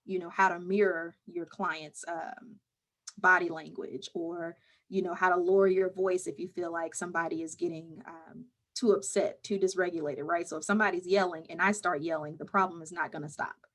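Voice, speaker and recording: Woman counselor as interview guest, lowish voice, calm and measured. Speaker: mental health counselor, guest. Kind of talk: conversational interview answers.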